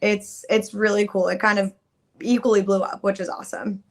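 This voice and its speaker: A young woman who sings chats as a podcast guest, upbeat and casual, saying "um" and "like" often. She talks briskly in a mid-range voice with a flat delivery.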